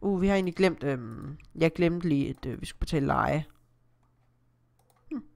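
A woman's voice: deep voice, animated, gravelly, darkish tone. A woman with a Danish accent, chatting casually through her own gameplay as a Let's Play host, reading the screen aloud and exclaiming often.

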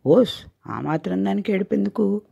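A woman's voice: medium pitch, expressive, moderate pace, creaky, warm tone, husky, voice pushed up, exaggerated voice. A woman voicing a casual young calf who speaks in an offhand way with a slightly raised voice. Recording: dull lo-fi recording.

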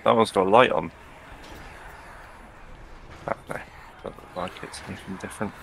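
A man's voice: low-pitched, steady tone, moderate pace, vocal fry. A man chatting casually as co-host of a gameplay video. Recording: faint background game noise. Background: video game ambience.

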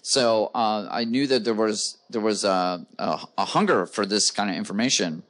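Onstage at a conference before a live audience, a company co-founder answers interview questions into a handheld mic. His voice is on the low side and fairly bright, at normal speed, and he explains in long runs full of "uh" fillers.

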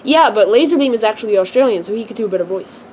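A girl playing a rambling excited kid brother. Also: mid-range voice, racing, a little hiss or hum, lightly acted, rough recording. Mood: chatty. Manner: rambling, full of "like" and restarts.

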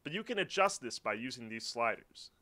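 Bright, lively male tutorial voice. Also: mid-range voice, a little fast. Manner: clear step-by-step instructional. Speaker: tutorial narrator. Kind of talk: scripted screen-recording walkthrough. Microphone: voice-over.

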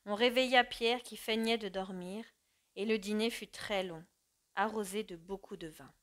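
A woman reading a classic novel aloud in a measured, expressive narration. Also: mid-range voice. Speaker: audiobook narrator. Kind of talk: literary audiobook reading.

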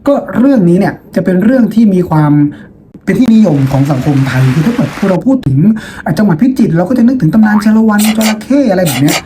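His voice is high and fast, swinging widely in pitch, as this man hosts and teaches a lesson video. He chats with students in a loose, playful storytelling manner, often throwing out rhetorical questions over noticeable background noise.

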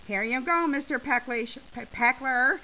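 A woman reading a story, voicing a feisty older woman shopper in a slightly higher, brassy voice. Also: normal speed, close to an everyday voice. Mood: defiant. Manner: defiant, brassy. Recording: slightly dull with faint hiss.

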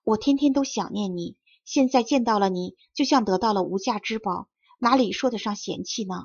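An ardent young male scholar pleads his case, voiced by a woman storyteller. His voice is husky and breathy. The storybook recording is dry and dull. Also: medium pitch, a little fast, darkish tone, dry recording. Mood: pleading. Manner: pleading, earnest.

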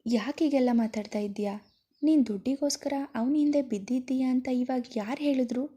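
A woman voicing an anxious, caring young female friend who fusses with quick worried questions. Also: fairly high pitch, dark tone, husky.

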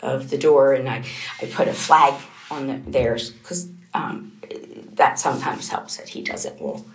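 A young woman questioned by police in an interrogation room, recounting a night at home in a halting, distraught way. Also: very deep voice, steady tone, roomy sound. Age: young adult. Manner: halting and distraught, voice rising as she talks. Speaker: suspect under police questioning.

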